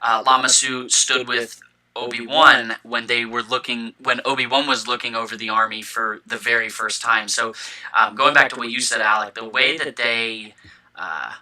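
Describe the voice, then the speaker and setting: A man's voice: medium pitch, fairly even intonation, moderate pace, bright, forceful tone, poor audio. A young man co-hosting a casual fan podcast, talking enthusiastically with lots of fillers and restarts, with the hiccups. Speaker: podcast co-host.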